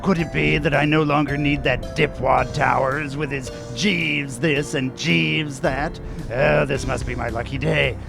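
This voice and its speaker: A man's voice: a little high, steady tone, measured pace, creaky, few pauses. A man playing a fussy, luckless manservant in a comic audio drama, theatrically exclaiming and muttering to himself. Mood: eager. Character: fussy, luckless, self-pitying manservant lost in the desert. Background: music.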